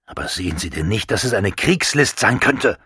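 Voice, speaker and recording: A man voicing a stiff British officer in an audiobook, with a clipped, brisk delivery. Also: on the low side, expressive, bright, forceful tone, husky, no echo, studio quality, heavily acted. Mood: stern.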